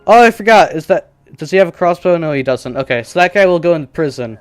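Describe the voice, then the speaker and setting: A man's voice: on the high side, fast, smooth, no room sound, soft background music. A man streaming a survival game, casually thinking aloud and joking at his own expense while he plays. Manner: rambling, self-deprecating, thinking aloud.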